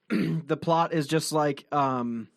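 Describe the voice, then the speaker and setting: A young man co-hosting a podcast in casual chat, adding quick joking one-liners. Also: a little high, vocal fry, no echo, clean studio sound. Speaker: podcast co-host.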